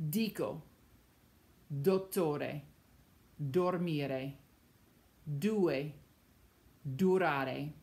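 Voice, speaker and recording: A woman teaching a pronunciation lesson, saying example words slowly and clearly for learners to repeat. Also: low-pitched, darkish tone. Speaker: language teacher.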